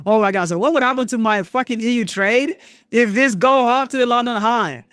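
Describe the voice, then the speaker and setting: Excitable high-voiced man trading live. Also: fairly quick, smooth, no echo, studio quality. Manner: excitable, swears, thinks aloud, swings between loud outbursts and low mutters. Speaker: trading livestream host.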